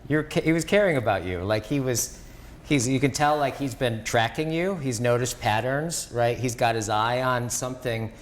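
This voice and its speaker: A man's voice: mid-range voice, moderate pace, slight background noise. A man talking as a podcast guest. He reflects aloud, feeling his way through his thoughts. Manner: thoughtful, searching for words. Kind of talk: reflective conversation.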